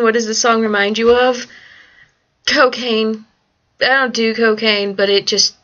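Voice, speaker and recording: A woman's voice: on the high side, pushed and bright, dull audio. A young woman rambling through a survey in a casual vlog, cursing often, blunt and ranty, with lots of "like" fillers, groggy late at night. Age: young adult. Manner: valley-girl fillers like "like". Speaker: vlogger answering a survey.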